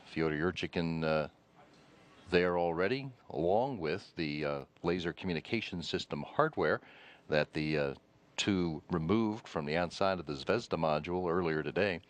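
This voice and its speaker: A man giving live mission commentary in a halting, measured way. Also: low voice. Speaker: spacewalk broadcast commentator.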